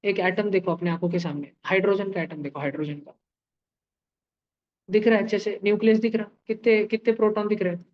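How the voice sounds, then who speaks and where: A man's voice: sits high, steady tone, fast talker, hardly any pauses, dull audio. A man teaching chemistry to a class in a playful way, with sound effects, homely comparisons and frequent checks that students follow. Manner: keeps checking with students through questions. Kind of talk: live online class lecture.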